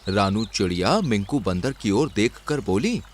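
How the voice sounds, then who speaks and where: A man's voice: lowish voice, measured pace, a little hiss or hum. A man narrating a children's cartoon story expressively. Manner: expressive and lively.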